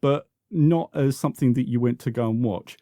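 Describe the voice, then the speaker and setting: A man's voice: medium pitch, moderate pace, mellow, no room sound, clean studio sound. A man, reminiscing as a podcast guest, full of restarts and repeated words. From South London, England. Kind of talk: reminiscing conversational interview.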